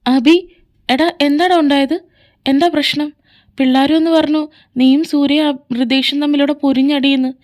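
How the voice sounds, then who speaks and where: A woman with a high, darkish voice and fairly even intonation voices every character in a fan fiction audio drama at normal speed. She shifts between arguing, teasing and pleading voices over faint background music.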